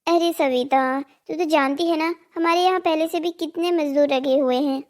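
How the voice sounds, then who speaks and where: A woman's voice: sits high, steady tone, normal speed, darkish tone, natural voice. A woman voicing a wealthy, condescending village wife in a cartoon drama. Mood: teasing. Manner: teasing, condescending.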